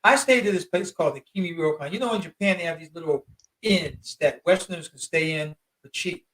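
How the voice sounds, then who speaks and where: High-voiced man telling casual stories. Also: a little fast, far from the mic, poor audio. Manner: animated, slangy, emphatic. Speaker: interview guest, traveler. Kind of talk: casual storytelling.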